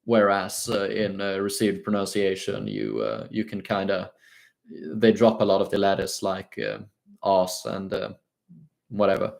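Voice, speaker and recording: A man's voice: fairly low pitch, moderate pace, creaky, darkish tone. Hesitant Swedish man answering viewer questions. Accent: Swedish-tinged British English. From Sweden. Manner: hesitant, many fillers and restarts. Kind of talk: casual livestream Q&A.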